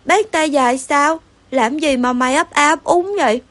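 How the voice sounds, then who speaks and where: A woman voicing a loud, hot-tempered young male guard dog who shouts and growls, in a storybook reading. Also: sits high, normal speed. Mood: alarmed.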